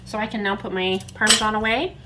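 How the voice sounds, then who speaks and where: A woman's voice: mid-range voice, steady tone, fast, very noisy. A woman hosting a home cooking demonstration in her kitchen, chatty and self-deprecating as she talks through each step while working. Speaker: cooking channel host.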